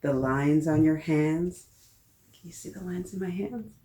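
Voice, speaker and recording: Reading a picture book to kids at story time, this woman is playful and expressive and addresses her little audience directly. She has a deep voice and a slightly slow delivery. The room echoes noticeably around her.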